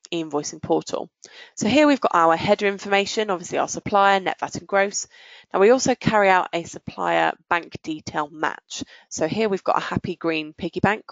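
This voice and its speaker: With a low-sitting voice marked by vocal fry, a woman demonstrates software in a relaxed, explanatory style. She pauses frequently and stretches words. The muffled, dull audio carries no room sound.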